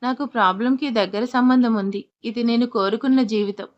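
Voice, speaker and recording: An ashamed middle-aged mother speaks in a storybook drama, voiced by a woman narrator. She talks in an apologetic, subdued way, with a fairly high voice on a dull recording. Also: brisk, lightly acted.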